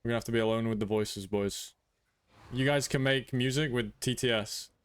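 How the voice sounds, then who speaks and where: A man streaming a game, chatting casually and blurting out excited reactions. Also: medium pitch, a little fast, clear, resonant tone, no echo. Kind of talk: casual live-stream chat.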